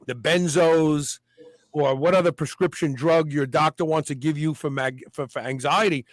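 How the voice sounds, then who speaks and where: High-voiced animated man, dry sound. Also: no room sound, rough recording. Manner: animated, acts out inner voices. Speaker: podcast host. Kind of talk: casual health talk.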